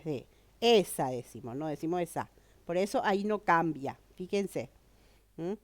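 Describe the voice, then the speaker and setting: A woman's voice: sits low, expressive, normal speed, no echo. A woman teacher with a cold, explaining a grammar lesson and often checking that students follow. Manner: explanatory, checks understanding with "¿verdad?" and "¿mm?". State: has a cold.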